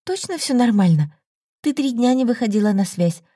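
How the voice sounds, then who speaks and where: A woman's voice: animated, warm tone, no room sound, studio quality. Woman doing a fussy worried girlfriend. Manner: anxious, fast-talking, high-pitched. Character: worried young woman friend, fussy and caring. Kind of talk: audiobook story reading.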